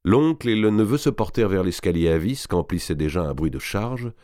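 A man reads a novel aloud, narrating with dramatic expression. His voice is low but moves a lot in pitch. The recording is close and dry. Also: lively intonation, fairly quick, dark tone, dry recording. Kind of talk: audiobook reading of a historical novel.

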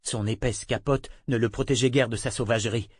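Recorded on a close studio mic with no room sound, a man reads an audiobook aloud. His medium-pitched delivery is measured and even, in a storytelling style.

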